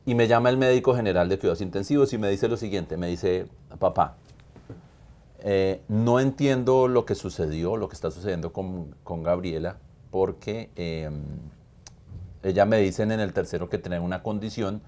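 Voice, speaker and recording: A man's voice: deep voice, moderate pace, mellow. A man, a pastor, telling his personal faith testimony in conversation, earnest and emphatic, repeating key phrases.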